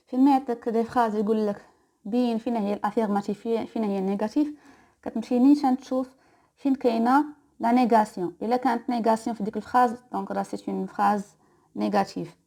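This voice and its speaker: A woman from Morocco with a Moroccan accent, teaching a grammar lesson. She reads each example slowly and twice, then explains it quickly. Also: a little high, steady tone, creaky, mellow. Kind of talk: grammar lesson mixing Moroccan Arabic and French.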